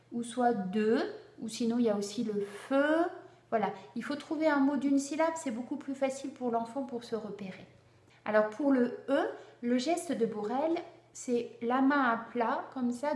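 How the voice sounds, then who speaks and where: A woman's voice: a little high, a little mellow, roomy sound. Patient woman demonstrating vowel sounds. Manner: clear and patient, slowing down and drawing out vowel sounds to model them. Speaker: teacher explaining a reading method to parents. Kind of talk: instructional explanation to parents.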